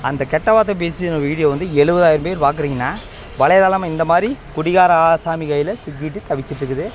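A man with a slightly high voice delivers opinionated channel commentary. He scolds and admonishes, circling back over the same points. There is some outdoor vehicle noise behind him. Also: fast, dull audio. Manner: critical, admonishing, repetitive. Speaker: YouTube channel host.

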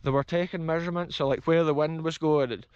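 An explorer vlogger, a Scottish man in his thirties, roams an open grassy field, chatting eagerly to viewers he calls "folks" while recording himself on an action camera held close. His walking-tour commentary is quick-paced in a fairly high, fairly even voice that sounds a little mellow and smooth. There's no room sound, and the audio is dull.

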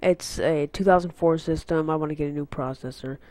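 Speaking quickly on a high-ish, slightly mellow voice with no room sound, this gaming channel host is a teenage boy with a cold-clogged nose. He chats loosely through a channel update on an unfamiliar headset mic, full of filler words and side tangents.

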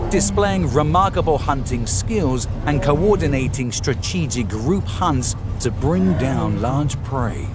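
A man reading scripted nature documentary narration in a measured, formal way. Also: on the high side.

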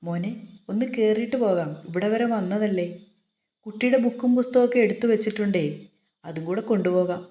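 A woman voicing a middle-aged mother who coaxes her son-in-law and gently chides her daughter. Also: mid-range voice, brisk, close to an everyday voice. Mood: coaxing. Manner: coaxing, motherly, scolding gently. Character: fussing middle-aged mother, coaxing and chiding. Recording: roomy echo.

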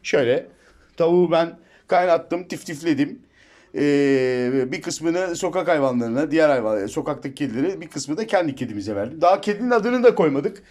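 A man's voice: on the high side, expressive, normal speed, darkish tone. A man chatting casually to viewers about his cat in a home video, filmed on a phone indoors. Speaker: pet vlogger.

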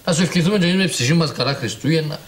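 An actor playing a cheeky young nephew who pleads and teases, with a Cypriot Greek accent. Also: male voice, fairly high pitch, lightly acted. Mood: wheedling. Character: cheeky young nephew, male, wheedling for money. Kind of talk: TV sitcom acting.

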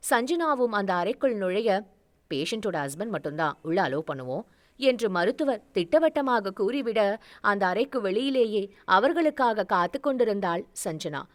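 A woman storyteller reads a serialized romance novel aloud. Her narration is steady and even, at a middle pitch for a woman, carrying the plot from scene to scene.

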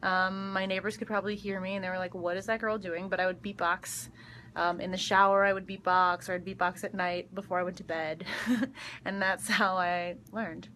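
Young actress, casual live-stream chat, bright tone, chatty with lots of ums. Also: female voice, on the low side, flat delivery, normal speed, slight background noise. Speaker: actress answering fan questions. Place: backstage dressing room. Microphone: phone livestream.

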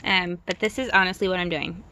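A woman's voice: on the low side, steady tone, fairly quick, sharp tone. A woman casually narrating a DIY craft project outdoors while filming on a phone in one hand, with lots of "um" and "like". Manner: chatty, lots of "um" and "like", light laughs. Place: outdoors at a patio table. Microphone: phone held in one hand.

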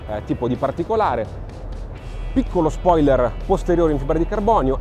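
A man in his thirties presenting cars on an exhibition hall floor, speaking fluently and upbeat, with frequent drawn-out "eh" fillers. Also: fairly high pitch, darkish tone. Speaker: motoring presenter. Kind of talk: car show walkaround presentation. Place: large indoor exhibition hall.

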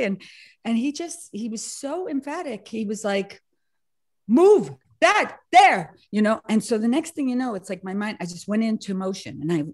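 A woman on a video call sharing a personal story with a group, laughing often as she talks. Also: medium pitch. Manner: animated, laughing often, many restarts. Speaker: satsang participant sharing a story.

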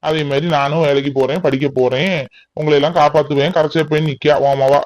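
A man's voice: fairly high pitch, steady tone, fast, darkish tone, no room sound, lightly acted, rough recording. A man voicing a sarcastic, dismissive older brother in a cartoon, with a dry close sound. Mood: mocking. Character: stern older brother, mocking.

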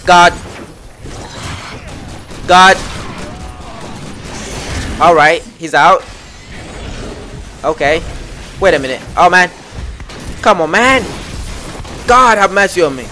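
Excitable man narrating gameplay, bright voice. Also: a little high. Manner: excitable, repeats phrases, talks to himself. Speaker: gameplay commentator. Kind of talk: live gameplay commentary.

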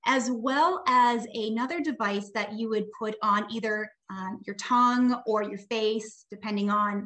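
A woman audiologist presenting on a video call webinar, explaining in a steady, informative way. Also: mid-range voice. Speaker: audiologist and tinnitus specialist.

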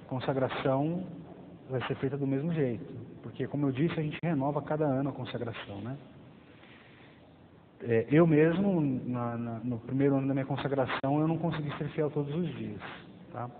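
A lay formation speaker in his thirties, with a slightly high voice, first prays softly and quietly with eyes closed, then gives a lively talk from a lectern with rising emphasis and tag questions. He is in a small parish hall with plain walls, recorded on a lapel mic. The sound is reverberant and thin, almost phone-like, with faint hiss.

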